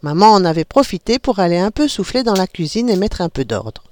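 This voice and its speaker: A woman reading a children's story aloud in an expressive, animated way. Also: mid-range voice, fairly quick, no room sound, clean studio sound.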